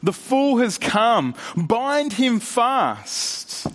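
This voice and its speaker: A man's voice: very high voice, very animated, drawn-out words, fairly bright tone, voice pushed up, heavily acted. A man reading the lines of a cruel, gloating witch queen from a children's story during a sermon, with a cold, commanding, taunting manner.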